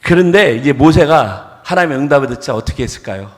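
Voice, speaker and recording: A man's voice: medium pitch, animated, fast talker. A male pastor preaching a Sunday sermon, acting out dialogue and putting rhetorical questions to his congregation. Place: church sanctuary. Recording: church hall reverb.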